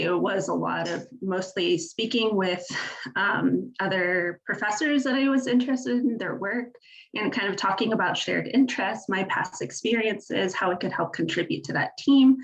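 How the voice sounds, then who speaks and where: A woman's voice: mid-range voice, unhurried, low-quality recording. A woman answering as a graduate student panelist, talking in a chatty way with many fillers.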